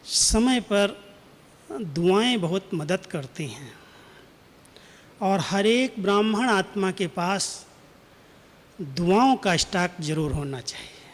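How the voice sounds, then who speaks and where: Guy giving a spiritual talk, kinda high voice, gentle storyteller, big echoey hall sound. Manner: gentle storyteller, acts out quoted dialogue. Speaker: spiritual teacher. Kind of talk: spiritual class talk with anecdote. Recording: long hall reverb.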